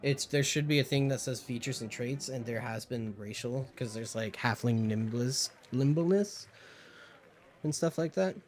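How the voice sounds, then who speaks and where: A man runs a tabletop game, describing characters and walking players through rolls. He rambles with plenty of fillers at an ordinary middle pitch. Faint music plays behind him. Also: normal speed. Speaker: game master. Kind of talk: narrating a tabletop game over voice chat.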